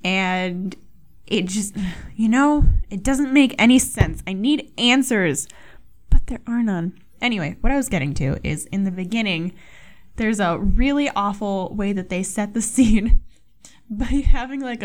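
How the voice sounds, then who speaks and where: Young woman, podcast host, casual solo chat, rambling, swears a lot, self-mocking, mid-pitched voice.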